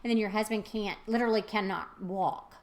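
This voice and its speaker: A middle-aged woman hosts a casual chat, her mid-range voice moving at a brisk clip. She tells stories animatedly and fills them with plenty of fillers.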